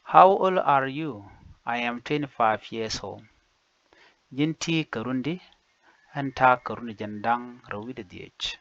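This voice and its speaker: A man teaching basic phrases, saying each one slowly and repeating it in two languages. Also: mid-range voice, animated, fairly bright tone, no room sound. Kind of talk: slow phrase-by-phrase language lesson. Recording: dull lo-fi dry recording.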